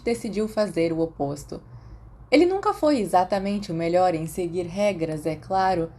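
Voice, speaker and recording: A podfic narrator with a Brazilian accent and a fairly low, mellow voice reads scripted fiction in audiobook style.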